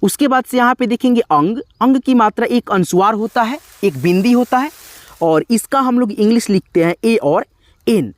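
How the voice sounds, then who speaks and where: A man's voice: very high voice, lively intonation, moderate pace, no echo. A man teaching a step-by-step lesson, spelling words out letter by letter and often checking in with his viewers. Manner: keeps saying "friends" and "okay" to check in with viewers. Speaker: online teacher.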